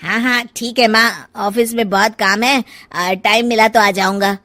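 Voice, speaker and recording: A woman's voice: mid-range voice, fairly even intonation, moderate pace, sharp tone, no room sound, lightly acted. A woman playing a casual, self-assured adult son in a family story. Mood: offhand. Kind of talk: acted dialogue in a family audio story.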